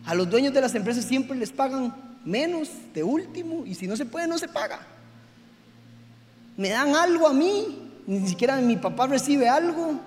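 A man preaching a sermon to his congregation, swinging from hushed confession to shouting. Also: very high voice, expressive, normal speed. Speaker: pastor. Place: church hall. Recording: reverberant hall with faint music.

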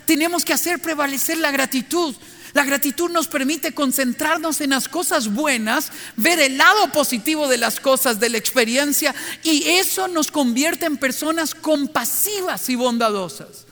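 A middle-aged man delivers an earnest, reflective sermon and turns to his listeners with direct questions. His voice sits very high and sounds bright and forceful. A long reverb trails behind each phrase. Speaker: preacher.

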